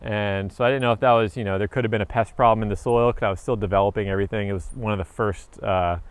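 A man's voice: on the low side, steady tone, quick pace, smooth. A man in his thirties giving a casual, upbeat walk-through of his tropical garden, filmed outdoors on a handheld camera held at arm's length, rambling with fillers and self-corrections. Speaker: homesteader vlogger. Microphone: handheld action camera at arm's length.

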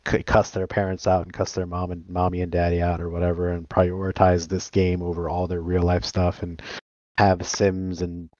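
A man with a very low, deep voice talks in a blunt, crude and dismissive way, repeating his points in casual argumentative chat. The sound is dry and close, with a muffled, lo-fi voice-chat quality. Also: completely flat delivery, moderate pace, a little mellow, dry recording.

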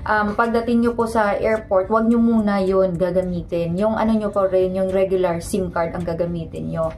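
A woman's voice: mid-range voice, steady tone, moderate pace, darkish tone, a little hiss or hum. Polite Filipina woman in her forties. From Philippines. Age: 40s. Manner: polite, addresses viewers directly. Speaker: vlog co-host. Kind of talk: casual advice vlog chat.

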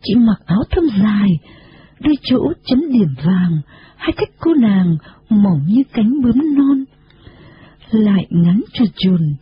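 Expressive female storybook narrator, dramatic, slightly high, lo-fi. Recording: dull lo-fi recording.

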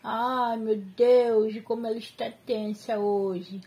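A woman's voice: fairly high pitch, steady tone, slow pace, dark tone. A woman talking to her dog in a home pet video, with soothing baby talk and playful scolding. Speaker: dog owner.

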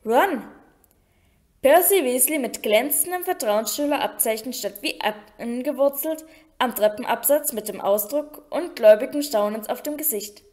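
A woman reading a novel aloud in a high voice. Her storytelling is steady, with the odd small slip corrected on the go. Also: normal speed. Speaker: audiobook reader.

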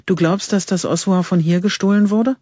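A wary, terse woman scientist, read by a man in an audiobook, firing off short questions. The voice is husky and a bit high. The recording is dry and dull. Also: steady tone, moderate pace, darkish tone, no room sound. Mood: questioning.

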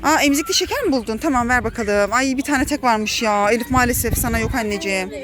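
A woman's voice: on the high side, fast. A woman with a Turkish accent filming a family play vlog, talking to her children as their mother and warning them with lots of drama.

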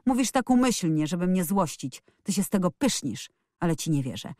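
A woman voicing a stubborn, angry young girl who shouts back defiantly in a storybook reading. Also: lowish voice, big pitch swings, brisk, dry recording, clean studio sound. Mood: furious, defiant.

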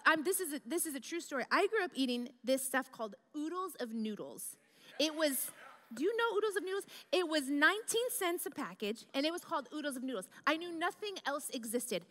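A woman from the Midwest preaching a humorous sermon, telling stories and acting out the voices in them. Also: high-pitched. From American Midwest. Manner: animated, comedic, acts out quoted voices. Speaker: guest preacher. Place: church hall. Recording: reverberant church hall.

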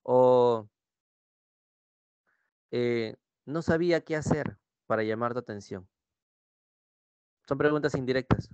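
A man's voice: medium pitch, slow pace, pauses often, darkish tone, clean tone, no echo, dull audio. A young male pre-university language teacher with a Peruvian Spanish accent, lecturing an online class and repeatedly checking in with students. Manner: repetitive, checks in with students using "¿sí?".

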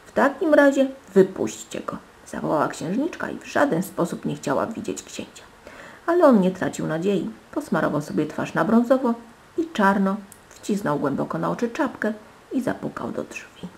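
A woman reading a fairy tale aloud with dramatic, animated storytelling and soft hushed asides. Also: lowish voice, normal speed, creaky. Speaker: storybook reader.

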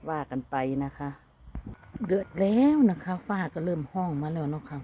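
Low-voiced Isan woman chatting outdoors. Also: moderate pace, mellow, slight background noise. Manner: chatty, laughs often, polite particles. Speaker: vlogger cooking and gardening at home. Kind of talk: casual chat to camera. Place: outdoors at a rural home.

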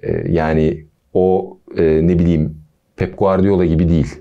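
A man hosting a football podcast, talking casually with a relaxed, chatty manner and jokey asides. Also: low voice, normal speed, muffled recording.

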